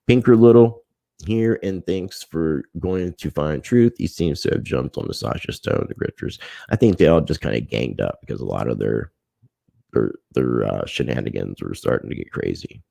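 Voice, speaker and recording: Deep gravelly man hosting a livestream. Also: animated, moderate pace, mellow, no room sound, studio quality. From United States. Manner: aggrieved, thanks viewers by name. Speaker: livestream host. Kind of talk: casual livestream chat reading comments.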